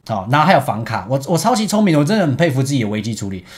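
A young man speaks Mandarin with a Taiwanese accent, telling a story in a loose, chatty way over gameplay. His pitch leaps up and drops back constantly, which makes him sound lively. He laughs often between sentences. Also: racing. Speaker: esports team captain.

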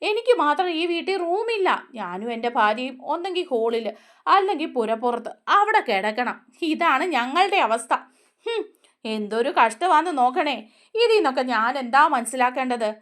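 A woman voicing a drunk, hurt son who pleads slowly and tearfully about being left out. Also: high voice, very animated, a bit bright. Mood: hurt, pleading. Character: grieving drunk man, hurt middle son.

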